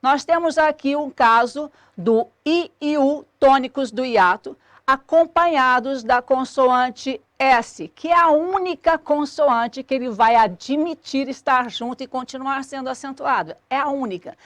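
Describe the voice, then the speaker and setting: Woman, teacher, high voice, dry close sound, methodical grammar lesson. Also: measured pace, dry recording. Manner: clear, methodical explaining.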